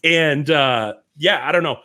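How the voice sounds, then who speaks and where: A man in his thirties from the American Midwest co-hosting a casual film review podcast, joking around and animated. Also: measured pace. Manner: animated, jokey, jumps to high pitch for emphasis. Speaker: podcast co-host.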